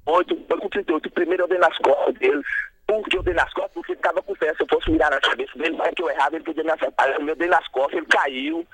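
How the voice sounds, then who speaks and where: A man's voice: a little high, very fast, fairly bright tone, poor audio. A man from Brazil, calling in by phone to a radio show, talking in an agitated, rambling, repetitive way. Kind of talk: phone-in talk. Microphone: phone line.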